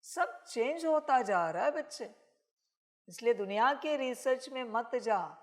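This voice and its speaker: A woman's voice: on the high side, lively intonation, measured pace. A woman giving a devotional sermon as a spiritual teacher, urging her listeners and calling them children with pointed questions. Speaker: spiritual teacher speaking as the divine Father.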